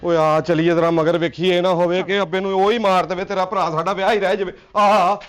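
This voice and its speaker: A man playing a fast, excitable young villager. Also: high-pitched, lightly acted. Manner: excitable, quick to threaten. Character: hot-headed young village man, the son. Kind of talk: comic sketch acting.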